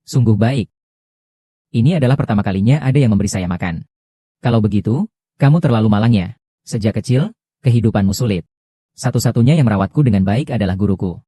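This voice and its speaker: A man reading every part of a dubbed drama in a plain, even way. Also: on the low side, fast, pauses often, no echo, studio quality.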